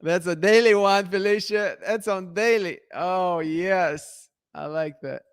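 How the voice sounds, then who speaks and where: A Russian man with a high, smooth voice speaks slowly while hosting a relaxed live stream. He reads and responds to viewer comments, often restarting and laughing, and the studio-quality audio has no room sound.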